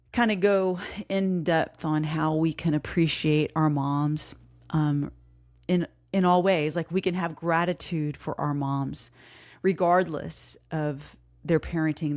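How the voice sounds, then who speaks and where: A middle-aged woman hosting her fitness podcast, talking candidly and emotionally, grieving and close to tears, with many pauses and restarts. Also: low voice, a little mellow. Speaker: podcast host and fitness coach. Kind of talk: casual heartfelt podcast talk.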